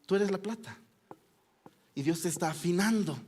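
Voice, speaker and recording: A man preaching a sermon with passion. His delivery swings between loud climbs and hushed drops, and he keeps asking his listeners rhetorical questions. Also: high-pitched, fast.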